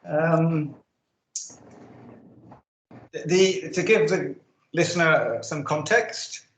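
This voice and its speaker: A man hosting a remote interview. His call audio cuts out and his volume jumps up and down, and he talks haltingly, searching for words. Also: a little high, fairly bright tone, echoey room, rough recording. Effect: audio cutting out, uneven volume. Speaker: interviewer host.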